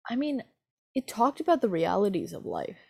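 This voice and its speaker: A woman's voice: medium pitch, huge pitch swings, moderate pace, gravelly, darkish tone, slightly rough, no room sound, studio quality. A young woman co-hosting a casual book chat, talking in a chatty, self-mocking way. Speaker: podcast co-host discussing a book.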